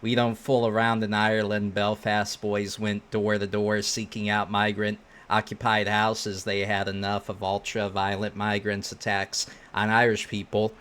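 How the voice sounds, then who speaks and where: A man's voice: fairly low pitch, completely flat delivery, measured pace, hardly any pauses, fairly bright tone, smooth. A man hosting online reaction commentary, reading posts aloud and giving opinions in casual, slangy speech.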